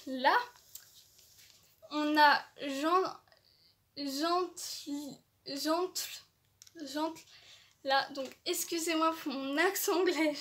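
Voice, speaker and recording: With a high, slightly bright voice, this woman beauty vlogger casually presents an advent calendar's beauty products. Her speech stumbles with many fillers and restarts, but every item excites her.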